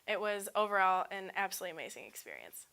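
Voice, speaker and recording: A woman's voice: medium pitch, sing-song, quick pace, vocal fry, bright, forceful tone. A young woman in her twenties, a student, talking casually in an upbeat testimonial with frequent ums. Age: 20s. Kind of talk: unscripted testimonial.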